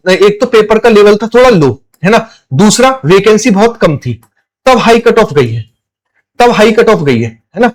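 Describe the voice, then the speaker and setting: A man teaching an exam-prep lecture, emphatic, repeating key points and answering his own questions. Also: sits high. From India.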